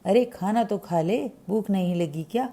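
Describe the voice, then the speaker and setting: A brisk, scolding mother mouse from a children's storybook, as a woman puts her on. She sounds matter-of-fact, with a mellow, slightly gravelly voice. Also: medium pitch, natural voice.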